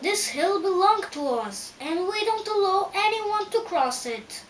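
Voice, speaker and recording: A woman reading aloud and voicing a hostile, armless, squat male hammerhead creature in a high, loud, mocking voice. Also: animated, measured pace. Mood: defiant. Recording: roomy, distant, faint hiss.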